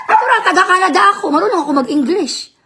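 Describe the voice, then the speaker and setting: A woman with a notably high voice vents on a live stream, defending herself with indignation. She tells her story animatedly and keeps asking her listeners for agreement. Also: fast, very noisy. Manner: animated storytelling, shifting pitch often. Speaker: concert promoter.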